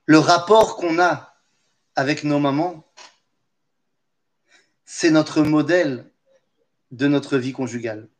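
A man with a high voice gives a lesson as lively storytelling. He is animated, breaks in with humorous asides and talks straight to his listeners. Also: slow, pauses often. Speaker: teacher of Torah.

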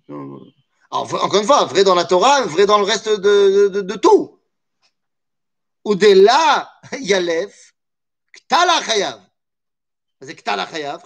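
A man's voice: sits high, a bit bright. A man teaching a Torah study lesson, explaining with animation, weaving in Hebrew terms and jokey asides.

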